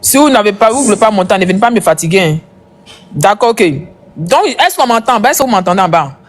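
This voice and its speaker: A woman's voice: mid-range voice, expressive, fast talker. A woman doing casual live commentary as a gossip streamer, chatty and repetitive, talking straight to her viewers.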